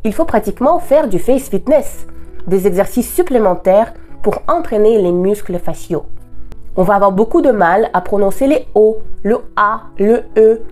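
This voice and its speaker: A woman from Russia, a native Russian speaker, giving a scripted language lesson and slowing down to pronounce example words with care. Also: mid-range voice, a little mellow. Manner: clear, deliberate teaching, slowing to model example words. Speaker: language teacher.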